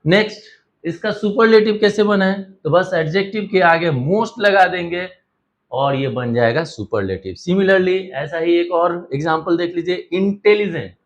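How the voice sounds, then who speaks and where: A man's voice: sits high, unhurried, lo-fi sound. A man teaching an English grammar lesson, explaining step by step and mixing Hindi with English.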